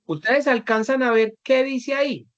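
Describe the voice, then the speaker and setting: Un hombre con acento colombiano que da una clase en línea y explica con paciencia, imitando a sus alumnos en anécdotas. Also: male voice, very high voice, normal speed, fairly bright tone, dull audio. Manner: patient, acts out students in anecdotes. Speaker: teacher. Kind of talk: online class, explaining to students.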